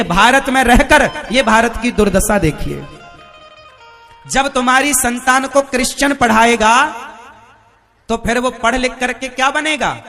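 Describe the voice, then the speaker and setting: High-voiced, bright preacher quizzing the crowd. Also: male voice. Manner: rhetorical, quizzing the audience. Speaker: religious preacher. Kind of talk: devotional sermon to a live audience.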